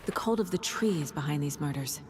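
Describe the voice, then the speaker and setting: Calm game fbi agent, slightly low voice, quietly asking questions. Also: female voice, brisk, background noise. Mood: musing. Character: calm, composed female FBI agent investigator. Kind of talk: video game dialogue and inner monologue.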